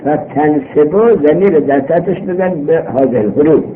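A man teaching a grammar lesson, reading a text aloud in drawn-out phrases, explaining it and asking his own questions, on an old worn tape. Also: a little high, animated. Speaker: teacher in a religious seminary. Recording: old worn tape, muffled narrow band, faint noise.

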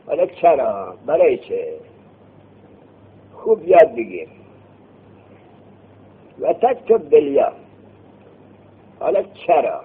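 A man teaching a grammar class, quizzing his students with quick questions, answering them himself and scolding them to put things away and listen. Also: on the high side, slightly rough. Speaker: seminary teacher. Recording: tinny phone-like lo-fi recording.

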